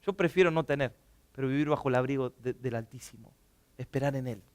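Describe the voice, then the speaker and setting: In a church sanctuary, a pastor preaches an animated sermon, swinging between loud bursts and soft asides and acting out the people he quotes. His voice is medium in pitch and he talks fast.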